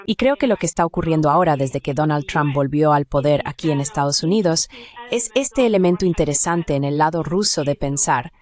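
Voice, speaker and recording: Brisk and darkish in tone, her voice sitting low, an academic expert woman is interviewed as a guest. Her explanations are analytical and discursive, punctuated by rhetorical questions checking understanding.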